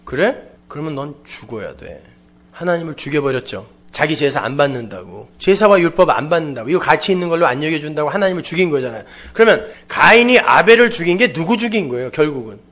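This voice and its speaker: Guy preaching, fairly high voice, drops quiet then gets loud and punchy, acts out lines, kinda muffled recording. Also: animated, quick pace, few pauses. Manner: dramatic swings between quiet low asides and raised emphatic delivery; acts out quoted speech of God and Cain. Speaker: pastor. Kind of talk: sermon.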